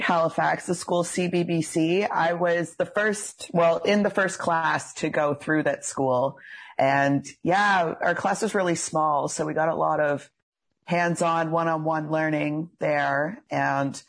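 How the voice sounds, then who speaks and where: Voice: medium pitch, a little slow. A young adult esthetician from Cape Breton with a Canadian accent, chatting casually as an interview guest in a female-sounding voice. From Cape Breton, Nova Scotia, Canada. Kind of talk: casual chat.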